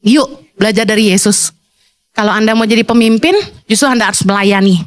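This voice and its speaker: A woman pastor giving a casual, colloquial sermon, animated and playful as she acts out everyday scenes. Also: mid-range voice, fairly quick.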